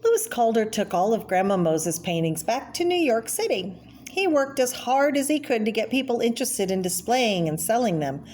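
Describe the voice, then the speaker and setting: With a slightly high, sing-song and somewhat mellow voice, a presenter reads a picture book to children. She pauses to point out and comment on the pictures in an informal, explanatory way. A little hiss or hum can be heard.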